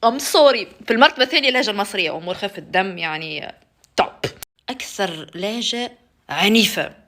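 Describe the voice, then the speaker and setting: A woman's voice: mid-range voice, big pitch swings, rapid-fire, fairly bright tone. A young woman with a Tunisian accent, chatting playfully to camera and slipping in English phrases. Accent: Tunisian Arabic. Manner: playful, switches to English phrases, mimics other dialects. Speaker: vlogger. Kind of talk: casual talk to camera, ranking dialects.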